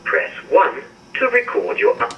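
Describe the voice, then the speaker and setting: An automated male voice, high-pitched and very animated, reads voicemail menu prompts as measured, recorded announcements. It's heard through a landline handset, and the audio is muffled and distant with a faint hiss.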